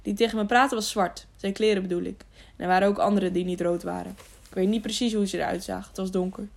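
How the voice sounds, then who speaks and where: A woman's voice: mid-range voice, fairly even intonation, fast, creaky. A woman reading a sneaky young male servant with a whiny, yelping voice. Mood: evasive.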